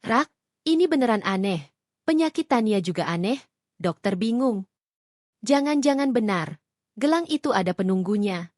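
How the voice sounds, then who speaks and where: A woman's voice: medium pitch, animated, moderate pace, pauses often, darkish tone, no room sound, clean studio sound, close to an everyday voice. Brief: fearful older mother in a storybook read-aloud, done by a woman, tearful and pleading. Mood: frightened.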